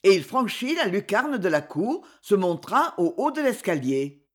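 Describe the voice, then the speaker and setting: A narrator reading a swashbuckling adventure novel aloud in a dramatic, expressive storytelling manner. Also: mid-range voice, measured pace.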